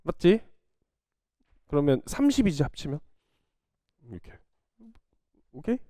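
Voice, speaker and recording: A man's voice: a little high, big pitch swings, a little slow, dark tone, no echo, clean studio sound. A man teaching a math class in a small classroom, chatting and teasing his students playfully between problems. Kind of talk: casual classroom lecture.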